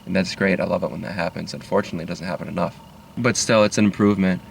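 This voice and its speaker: A man rambling in a low-key, halting way with many fillers while driving, recorded a little away from the mic in a car. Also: steady tone, gravelly, distant mic, a little hiss or hum. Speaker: vlogger. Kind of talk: rambling casual monologue. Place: inside a moving car.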